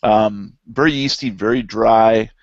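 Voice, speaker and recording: A man co-hosting a casual beer review show, talking in a relaxed, rambling way with many fillers. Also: on the low side, a little slow, dry recording, dull audio. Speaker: beer review podcast co-host. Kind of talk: casual beer tasting chat.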